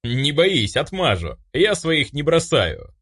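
A man's voice: a little high, very animated, takes it slowly, a bit bright, husky, pitched above the performer's own voice, heavily acted. A man reading an audiobook voices a cheeky, brash young man. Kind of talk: audiobook character voice.

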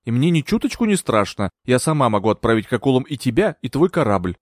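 A man voicing a scheming, sharp-tongued young woman in an audiobook, with a raised, mocking voice. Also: medium pitch, very animated, fast talker, no room sound, clean studio sound.

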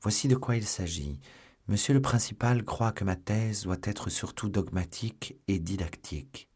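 A man voicing a young male musketeer turned earnest, pious seminarian who speaks gently. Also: on the low side, moderate pace, husky. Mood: gentle, earnest.

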